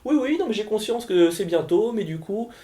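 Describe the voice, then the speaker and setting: A man's voice: high-pitched, animated, a little fast, dark tone, pitched above the performer's own voice. A man voicing an overeager, polite male photographer who insists on taking pictures at the worst moment. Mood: chirpy insistent. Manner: insistent, chirpy, oblivious.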